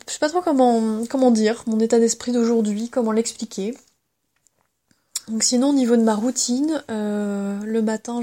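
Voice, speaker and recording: Chatty woman rambling on a podcast. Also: medium pitch. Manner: chatty, hesitant, many fillers and soft laughs. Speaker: podcast host. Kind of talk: unscripted casual podcast chat. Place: walking around her home.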